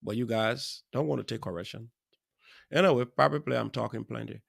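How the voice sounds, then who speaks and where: A man hosting a live talk show, rambling through chatty shout-outs to viewers with frequent chuckles. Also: mid-range voice, a little fast, vocal fry, husky, no room sound, clean studio sound. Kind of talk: casual live-show chat. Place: studio.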